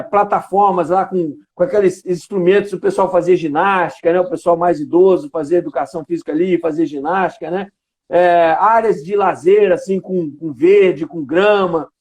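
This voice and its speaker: A man's voice: sits high, a little mellow. A man who manages environmental work for a company, a guest answering at length in an earnest, explanatory way with many tag questions.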